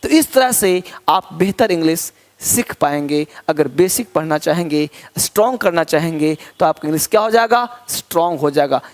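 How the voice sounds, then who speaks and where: A man's voice: a little high, animated, normal speed, few pauses. A man teaching English pronunciation as a lesson, repeating words and contrasting right and wrong sounds while checking his students follow. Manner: addresses students directly and checks they follow. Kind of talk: spoken classroom lesson.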